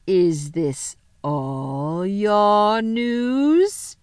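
A woman voicing a cruel, imperious witch queen in a storybook, slow, commanding and threatening. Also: medium pitch, a little mellow, clear, resonant tone, no echo, clean studio sound. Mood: cold.

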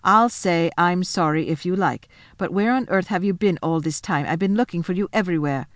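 A woman's voice: lowish voice, brisk, dry recording, studio quality, close to an everyday voice. A woman voicing a greedy, sulky young boy who talks snappishly.

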